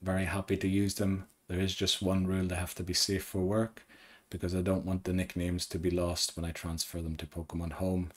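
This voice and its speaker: A man giving calm, analytical let's play commentary on his run, saying his voice is going. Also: fairly quick. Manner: calm, analytical and low-key. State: losing his voice. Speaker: gaming commentator.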